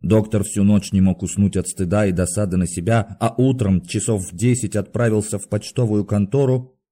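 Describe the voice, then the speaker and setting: A man narrating a classic story in a steady, measured reading voice. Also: on the low side. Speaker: audiobook narrator. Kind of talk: scripted narration.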